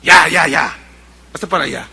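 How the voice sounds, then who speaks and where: A preacher voicing a fed-up wife in a high, exasperated voice. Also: male voice, moderate pace, vocal fry, pushed and bright, slightly rough, heavily acted. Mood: dismissive. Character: fed-up pleading wife, middle-aged woman.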